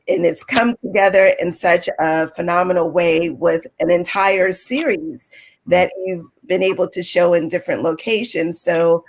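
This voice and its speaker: A woman hosting an artist conversation over a video call, upbeat and enthusiastic, chatty with frequent fillers. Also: lowish voice. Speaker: gallery host.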